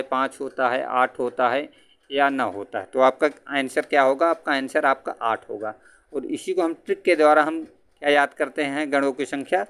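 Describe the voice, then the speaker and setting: A man teaching an exam-prep grammar lesson. He puts questions to his students and answers them himself, and he chants verse lines slowly. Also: medium pitch, a bit bright, clear, resonant tone.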